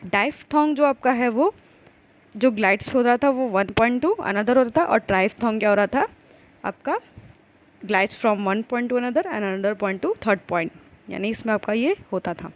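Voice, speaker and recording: Slow-explaining woman teacher, higher voice. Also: lively intonation, dull audio. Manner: explains with repeated rhetorical questions; reads English definitions slowly, word by word. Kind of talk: recorded lecture.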